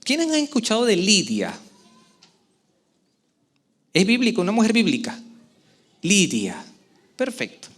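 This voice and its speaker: High-pitched preacher guy giving a sermon in church, expressive, keeps asking the crowd stuff. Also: measured pace, pauses often. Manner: expressive preaching, asks the congregation questions. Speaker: pastor. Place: church service before a congregation.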